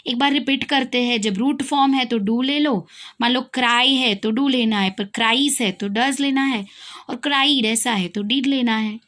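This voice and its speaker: A woman's voice: on the high side, normal speed, fairly bright tone. A young woman with an Indian accent teaching an English grammar lesson, asking her students questions and answering them herself. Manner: asks questions and answers them herself, repeats key points.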